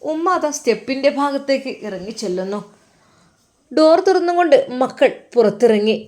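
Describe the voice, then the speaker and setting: A woman's voice: high voice, expressive, moderate pace, darkish tone. A woman narrating a family story in a dramatic, emotive way.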